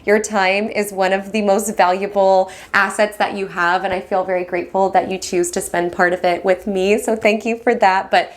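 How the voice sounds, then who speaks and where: A woman with a West Coast American accent, hosting a weekly horoscope monologue, talking fast, excited and encouraging, calling listeners "my love". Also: medium pitch. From United States. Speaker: astrology host.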